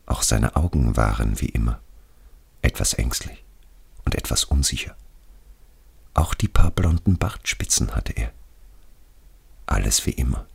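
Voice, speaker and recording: Low gravelly guy reading a story, husky, pitch moves around a lot. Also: lively intonation, unhurried, long pauses. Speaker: reader. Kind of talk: literary narration.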